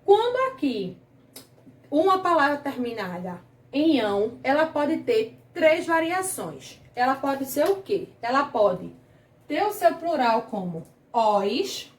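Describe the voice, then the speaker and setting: Patient and full of questions for the class, a Brazilian Portuguese-accented woman takes a children's grammar lesson slowly, drawing out key words. Her high voice is very animated, and the far-off mic yields a roomy sound.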